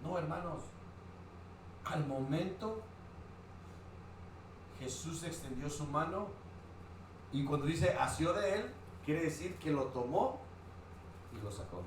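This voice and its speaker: Male preacher, fairly high voice, booming hall echo, asks the congregation questions. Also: expressive, takes it slowly, long pauses, far from the mic. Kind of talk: sermon. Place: church hall. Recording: very echoey church hall, faint noise.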